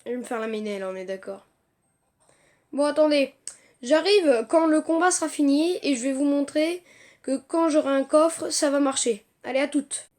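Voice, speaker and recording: A woman giving casual commentary on her own mobile game, excitable and jumping between muttered asides and loud outbursts of playful trash talk, recorded on a phone mic. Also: high voice, moderate pace. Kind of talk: casual live gameplay commentary. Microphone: phone mic via screen recorder.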